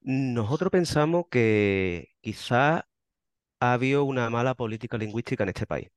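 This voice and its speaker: A man's voice: medium pitch, lively intonation, normal speed, clear, resonant tone, no room sound. A man from western Andalusia with a western Andalusian accent, answering interview questions in a patient, teaching way with self-deprecating asides. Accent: western Andalusian Spanish. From western Andalusia, Spain. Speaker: interview guest, member of a volunteer group.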